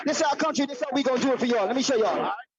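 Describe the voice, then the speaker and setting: A man from the Bahamas with a Bahamian accent, a DJ giving energetic hype shout-outs and calling out to the crowd. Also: very high voice, very fast, loud music behind the voice. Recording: dull lo-fi sound with faint noise.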